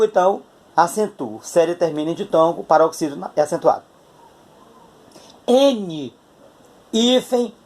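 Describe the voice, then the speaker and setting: A man's voice: high voice, a little mellow. A male teacher with a Brazilian Portuguese accent giving a grammar video lesson, explaining patiently and checking in with his students as he goes. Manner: explanatory, checks in with "tá?" and "né?", spells out letters slowly.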